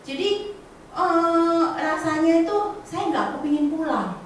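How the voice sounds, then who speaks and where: A middle-aged insurance agent gives a chatty motivational talk to colleagues, laughing often and addressing them as friends. Her voice is extremely high with lively intonation at a measured pace, picked up by a distant camera or phone in an echoey room with slight background noise.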